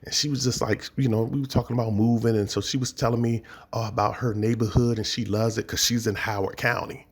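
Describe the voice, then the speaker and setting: Gravelly dc guy rambling thru a story, slangy and easygoing, regular pitch. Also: steady tone, quick pace. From Washington, D.C. area. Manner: laid-back, rambling, slangy. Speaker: podcast host. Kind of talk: casual storytelling monologue.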